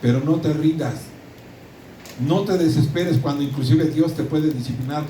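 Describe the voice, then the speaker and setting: A man's voice: fairly high pitch, moderate pace, warm tone, slight background noise. A middle-aged man with a Mexican accent preaching a sermon, emphatic and prone to repeating words and restarting. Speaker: pastor. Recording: roomy echo, distant mic, audible room ambience.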